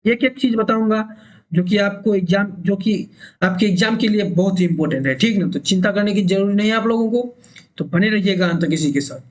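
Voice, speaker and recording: A man's voice: high voice, brisk. A male teacher explaining a story line by line for exam students, repeating phrases and checking in with tag questions. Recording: dull lo-fi sound.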